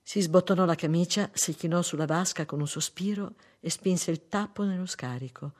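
A narrator reading a literary story aloud in a measured, unhurried way. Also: mid-range voice.

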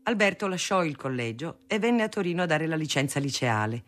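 A reader narrating a family memoir aloud in a measured storytelling manner. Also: mid-range voice, expressive, fairly bright tone. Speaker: audiobook reader. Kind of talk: reading a memoir novel aloud.

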